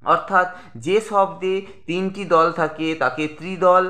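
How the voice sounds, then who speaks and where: Male teacher with a bright voice, slightly high, slow and deliberate, explaining with examples. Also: steady tone, roomy sound. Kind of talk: grammar lesson.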